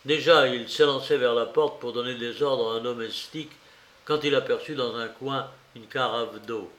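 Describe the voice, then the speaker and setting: A man narrating a classic novel aloud in a slow, measured storytelling manner. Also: mid-range voice, fairly even intonation, a bit bright, roomy sound. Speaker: audiobook narrator. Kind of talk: literary novel reading.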